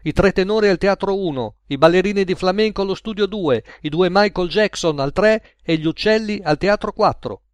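A man's voice: high-pitched, moderate pace, few pauses, no echo, pitched above the performer's own voice, close to an everyday voice. A man doing a barking official calling orders. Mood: commanding. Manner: loud, commanding. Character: authoritative male studio official barking orders.

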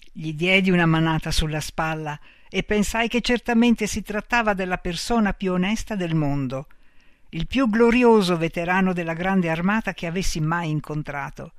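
A man narrating an audiobook in an expressive, lively way. His voice sits fairly high, and the recording is dry and close, with no echo at all. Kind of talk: audiobook reading.

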